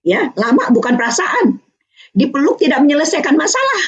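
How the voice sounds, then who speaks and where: Casting: high-voiced older woman, lively webinar teacher, dull online audio. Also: brisk. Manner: lively, quizzing the audience with tag questions. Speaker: parenting speaker.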